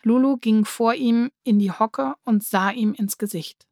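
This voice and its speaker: Brief: woman storybook reader, calm and even, dry close sound. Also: on the high side, measured pace, no echo. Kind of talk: scripted storybook narration.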